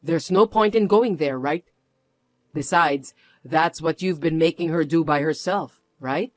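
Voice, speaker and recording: A firm, protective mother, as a reader plays her, speaking low, cold and quiet with clear contempt. The storybook recording is dry and close. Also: unhurried, dry recording. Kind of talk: scripted story narration.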